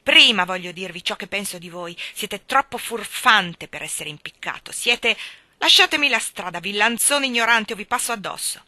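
A woman reading aloud, voicing an angry, hot-tempered older male miller who shouts in furious outbursts. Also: extremely high pitch, normal speed, no room sound, pitched above the performer's own voice, full character voice.

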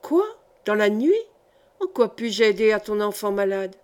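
A woman's voice: fairly high pitch, a little slow, a little mellow, lightly acted. A woman reading a frightened, irritable old male monk in a storybook. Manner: irritable and fearful.

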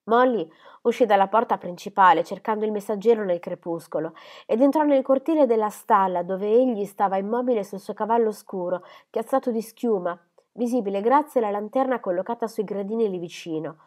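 A woman narrating a classic novel as an audiobook, measured and expressive. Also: medium pitch. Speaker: audiobook reader.

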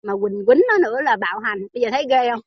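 Lady teaching a dharma talk, high voice, keeps quizzing the crowd, kinda dull dry sound. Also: very fast, husky, dry recording. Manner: chatty, teasing, asks the audience questions.

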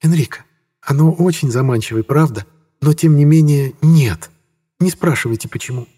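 A man voicing a cool, sharp-tongued businesswoman who speaks coldly and sarcastically. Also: a little high, normal speed, husky, pitched above the performer's own voice. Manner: cold, sarcastic.

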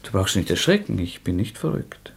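A gravelly, tormented young murderer. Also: male voice, low-pitched, very animated, moderate pace, full character voice. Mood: feverish, tormented. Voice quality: gravelly, husky voice. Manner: swings between bitter mockery, feverish outbursts and hushed whispers. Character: tormented young male murderer confessing, feverish and bitter. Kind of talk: radio drama acting.

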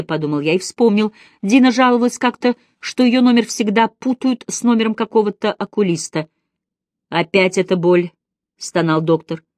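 A woman narrating a classic novel as an audiobook, giving each character a light turn of voice. Her pitch sits in an ordinary middle range. The recording is close and dry, with no room sound at all. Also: a little mellow, dry recording. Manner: reads all characters herself with light voice shifts. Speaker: audiobook reader.

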